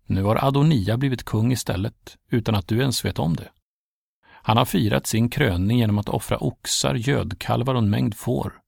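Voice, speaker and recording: A man voicing a queen mother in a Bible storybook reading, speaking earnestly and quietly to the king. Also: mid-range voice, creaky, no room sound, clean studio sound. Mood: pleading.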